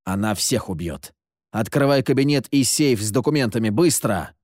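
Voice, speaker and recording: A man voicing a calm, curt man in charge who gives terse orders, in an audiobook. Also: mid-range voice, moderate pace, dry recording, studio quality, natural voice. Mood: commanding.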